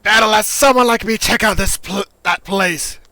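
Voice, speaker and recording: A man voicing a cynical, self-deprecating male companion in a tabletop game, in a wry, gruff manner. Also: high-pitched, normal speed, bright, forceful tone, no room sound, voice pushed up, exaggerated voice. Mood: warning.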